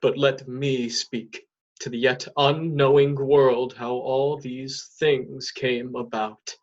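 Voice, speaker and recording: A man performs a loyal, grieving nobleman in Shakespearean tragedy. He speaks slowly and solemnly with earnest weight, and the recording is dull and lo-fi. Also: mid-range voice, flat delivery. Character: loyal, grieving friend of a dying prince. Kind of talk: Shakespearean stage acting.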